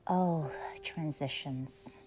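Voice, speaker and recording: A woman's low-sitting voice carries a guided meditation, soothing and slow, with long pauses between phrases. She often lets her words dissolve into breath, and faint music plays underneath.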